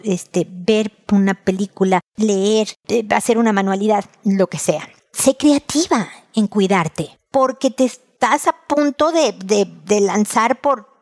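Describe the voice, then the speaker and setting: A woman's voice: medium pitch, a little mellow. A middle-aged woman gives advice to a tired mother on her show. She talks in a chatty, reassuring way, like a friend on the phone. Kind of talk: advice talk to a listener.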